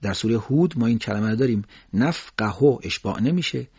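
Husky male teacher, dull dry recording. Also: mid-range voice, lively intonation, a little mellow, no room sound. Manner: patient, demonstrates example words slowly and repeats them. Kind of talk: explanatory lesson on recitation rules.

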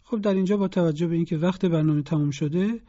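A Quran pronunciation teacher giving a broadcast lesson, spelling out sounds slowly and deliberately for listeners to repeat. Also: medium pitch, dark tone, dry recording, highs cut off.

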